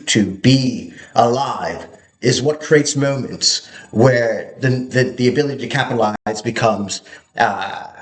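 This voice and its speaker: A young man from Hong Kong delivers an earnest motivational monologue to camera, halting often and repeating his words. His voice is medium-pitched, and the room sounds echoey.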